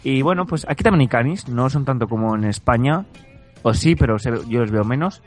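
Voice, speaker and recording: Man from Spain, comic podcast host, rambling jokey delivery, mid pitch, faint music under. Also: expressive, a little fast. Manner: rambling, joking, laughs often. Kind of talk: comedic casual chat.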